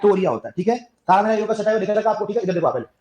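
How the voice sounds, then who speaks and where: Fast-talking male teacher, echoey classroom. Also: high voice, expressive, darkish tone. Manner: repeats questions to students, coaxing answers; scolds the class jokingly. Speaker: agriculture teacher. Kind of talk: classroom lecture with call-and-response questions.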